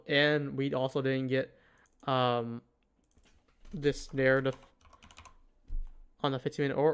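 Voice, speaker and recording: A man's voice: medium pitch, smooth. A man giving casual live trading commentary, thinking aloud in a hesitant way. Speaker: livestream host, futures trader.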